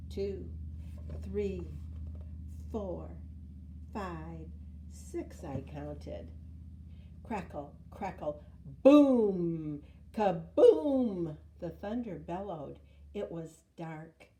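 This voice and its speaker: Very mellow, slow woman reading a storybook. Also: on the low side, a little hiss or hum. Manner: dramatic, with drawn-out words and sound words. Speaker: storybook reader. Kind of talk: expressive children's read-aloud narration.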